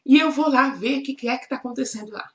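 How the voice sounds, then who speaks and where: A Brazilian woman voicing a curious, excitable young boy in a children's story, her voice rising to a wail when he is upset. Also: fast talker, reverberant, natural voice. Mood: excited. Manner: high, wailing when upset.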